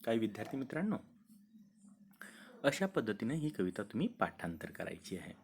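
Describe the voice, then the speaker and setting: A man teaching a school poetry lesson, chanting the verses in a slow sing-song rhythm, then explaining each line plainly. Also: lowish voice, sing-song. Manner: mixes Marathi explanation with Hindi repetition.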